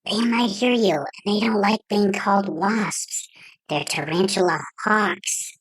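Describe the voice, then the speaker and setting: Storybook tarantula: small, nervous, high and airy. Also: male voice, a bit bright, breathy edge, exaggerated voice. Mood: hushed. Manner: anxious, quick to worry. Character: small nervous male tarantula, timid and jittery. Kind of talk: storybook voice acting.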